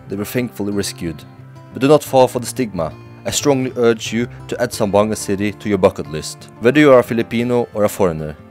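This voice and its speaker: A man narrates his travel vlog in a frank, advice-giving way, his voice a little stuffy from a slight cold. He speaks lower than most men. Faint music plays under the narration. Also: darkish tone. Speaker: travel vlogger.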